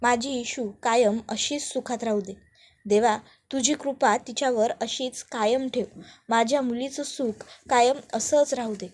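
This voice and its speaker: A woman's voice: fairly high pitch, a little slow. A woman voicing a worried mother who frets and prays for her daughter. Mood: prayerful. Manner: fretful, prayerful.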